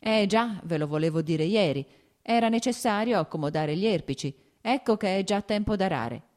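A woman's voice: medium pitch, expressive, normal speed, darkish tone, pitched above the performer's own voice, close to an everyday voice. A woman doing an evasive farm steward. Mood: excusing. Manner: excusing, shrugging tone. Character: evasive farm steward man, full of excuses.

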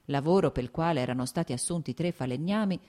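A woman reads a classic novel aloud in a measured, even pace. Her voice sits on the lower side for a woman. The delivery is calm, literary narration. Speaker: audiobook narrator. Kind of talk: scripted narration.

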